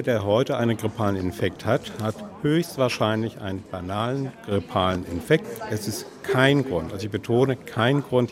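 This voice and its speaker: Emphatic low-voiced man doctor outdoors. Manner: emphatic, reassuring. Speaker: public health doctor. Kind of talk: interview statement.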